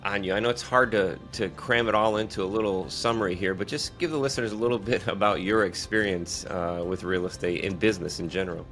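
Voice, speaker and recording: A man's voice: fairly low pitch, steady tone, fast, hardly any pauses, a bit bright, faint music behind. A man from Michigan hosting a podcast interview in an easygoing, joking, casual chat. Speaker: podcast host.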